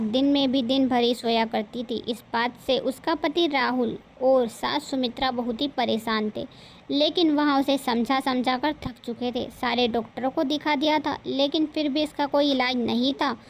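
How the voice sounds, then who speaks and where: A woman narrating a scripted cartoon story in a plain, steady storytelling manner. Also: high-pitched, a little hiss or hum.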